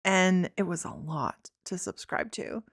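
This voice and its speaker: A woman's voice: lowish voice, measured pace, creaky, no echo. Southern woman, co-host of a casual chat podcast, wry and chatty, dry close sound. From Tennessee.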